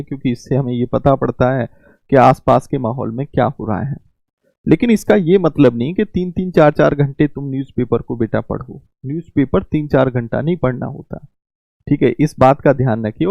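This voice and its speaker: Gravelly man teaching an online class. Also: mid-range voice, dry recording. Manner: fatherly, calls students "beta", repeats points. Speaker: exam coaching teacher. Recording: dull lo-fi mic.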